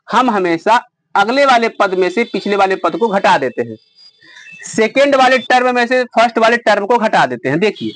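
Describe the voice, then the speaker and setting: A man's voice: high voice, a bit bright, dry recording. A man teaching a math lesson to a class, explaining step by step and quizzing his students.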